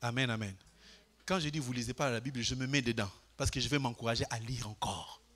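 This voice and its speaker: An older man preaching a Bible study to a congregation, putting questions to them and swinging between loud declarations and quiet asides. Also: medium pitch, quick pace. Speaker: pastor. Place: church.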